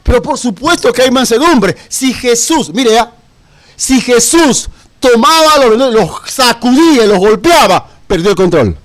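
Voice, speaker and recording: High, lively-voiced man preaching slowly. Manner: emphatic preaching with rhetorical questions, repeats key words. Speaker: pastor. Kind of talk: sermon.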